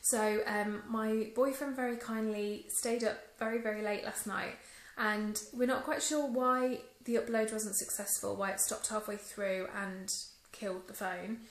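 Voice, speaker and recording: A woman's voice: mid-range voice, steady tone, unhurried, hardly any pauses, echoey room, low-quality recording. A woman giving a casual phone review vlog, talking into a phone she holds at arm's length, chatty and full of ums. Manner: chatty, many ums, mildly disappointed. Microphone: phone held at arm's length.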